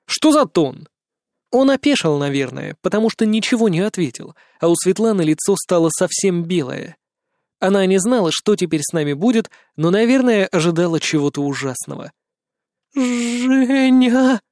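A man narrating a first-person audiobook in an expressive, dramatic storytelling manner. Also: high-pitched, a little fast, no echo, clean studio sound.

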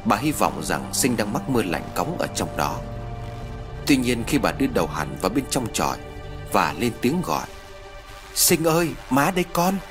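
A man narrating a dramatic story in a suspenseful, expressive way. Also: lowish voice, normal speed, over music.

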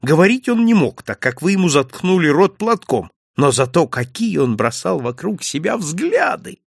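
Man putting on a village innkeeper, jovial, gossipy, high-pitched, husky, lively, storybook. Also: normal speed, dry recording, studio quality, heavily acted. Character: chatty middle-aged male village innkeeper, jovial and nosy.

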